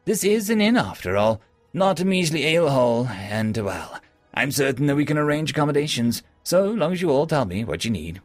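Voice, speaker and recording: A man's voice: fairly high pitch, very animated, brisk, soft background music, voice pushed up. A man voicing an obsequious woman innkeeper in a story, fawning and nervously stammering to please. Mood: fawning, flustered.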